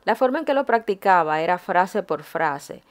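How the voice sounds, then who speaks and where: A woman's voice: lowish voice, lively intonation, moderate pace, slight background noise. A young adult woman giving casual, encouraging language-learning tips as a vlogger, often laughing as she talks. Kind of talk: casual to-camera advice talk.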